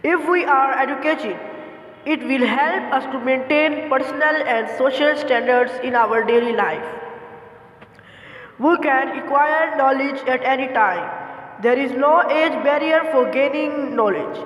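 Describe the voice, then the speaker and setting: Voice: sits high, unhurried, a bit bright. A speaker giving an earnest, formal, recited school assembly speech on an echoey recording. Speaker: speech presenter. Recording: echoey, long hall-like reverb.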